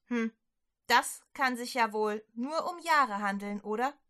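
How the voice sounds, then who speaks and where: A woman leading a prayer and telling a Bible story to children, gentle and clearly spoken. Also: on the high side, unhurried.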